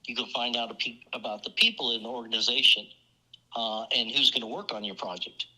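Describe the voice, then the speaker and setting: A man on a speakerphone answering a board's questions, halting and asking them to repeat things. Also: mid-range voice, steady tone, bright, forceful tone, low-quality recording. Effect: heard over a speakerphone. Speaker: engineering consultant on a call.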